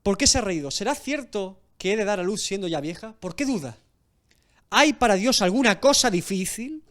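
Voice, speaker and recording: High-voiced male pastor preaching animatedly. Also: moderate pace. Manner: animated storytelling, acts out scenes, laughs often. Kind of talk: expository sermon.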